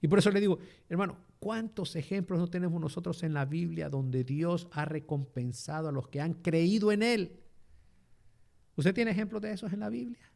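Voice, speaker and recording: A man's voice: moderate pace, creaky. A male pastor preaching a sermon, dropping in asides of "amén" and "hermano" and putting rhetorical questions to the congregation. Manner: swings between loud emphasis and soft low phrases.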